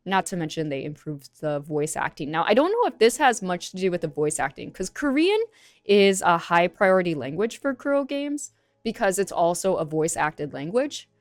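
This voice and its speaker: Very animated and moderately paced, a young woman with a fairly low voice reads an article aloud on stream and then comments on it. She's a chatty native English speaker who uses many fillers, recorded with no echo.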